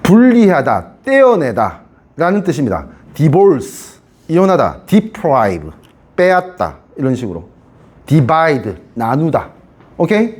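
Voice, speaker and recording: Lively high-voiced man teaching science. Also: unhurried. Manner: chatty, keeps asking students to confirm; repeats and re-explains key points. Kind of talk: classroom lecture.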